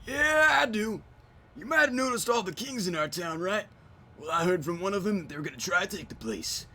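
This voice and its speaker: A man voicing a bitter old male town mayor with a wheezy cigarette rasp, grumbling and world-weary, as amateur game voice acting. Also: high-pitched, very animated, a little fast, bright, forceful tone, pitched above the performer's own voice, exaggerated voice. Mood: gruff. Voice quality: wheezy, gravelly.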